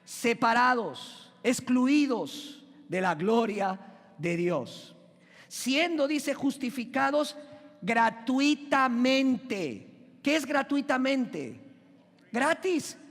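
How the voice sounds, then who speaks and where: A male pastor with a strikingly high voice preaches in a church. He quizzes the congregation and urges them to shout their answers, and he lingers on key words for emphasis. Long reverb rings around his voice. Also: big pitch swings, very slow. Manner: questions the congregation and asks them to call out answers. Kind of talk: preaching a sermon. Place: church sanctuary.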